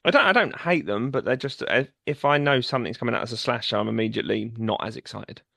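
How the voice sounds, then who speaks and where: A man on a horror podcast who talks fast and gives blunt, offhand answers. His voice has a gravelly, creaky edge at a middle pitch, and his quick delivery keeps the chat moving. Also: lively intonation, sharp tone. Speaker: podcast co-host. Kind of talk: casual chat.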